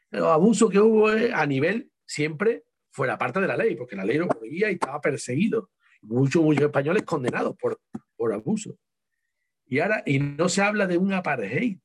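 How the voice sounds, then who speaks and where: A man's voice: sits high, lively intonation, moderate pace, slight background noise. A man from Seville with an Andalusian accent, an author talking emphatically in an interview, full of rhetorical questions and repeated words. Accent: Andalusian Spanish. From Seville, Spain. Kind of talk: casual interview talk.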